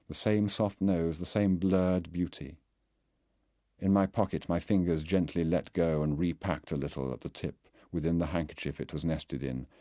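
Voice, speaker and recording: A man reading a literary novel aloud as an audiobook narrator, in a measured, deliberate way. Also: deep voice, dark tone, no echo, clean studio sound.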